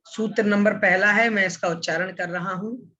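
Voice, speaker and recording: High-voiced man teaching slowly, lo-fi. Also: steady tone, pushed and bright. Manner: slow, deliberate recitation, repeating Sanskrit terms syllable by syllable. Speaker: scripture teacher. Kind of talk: online class lecture. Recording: dull lo-fi recording.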